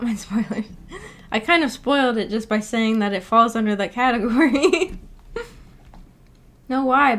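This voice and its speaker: On her livestream, a woman whose voice sits on the high side with a fairly bright tone talks casually about a visual novel. She muses aloud, hesitates, and giggles now and then.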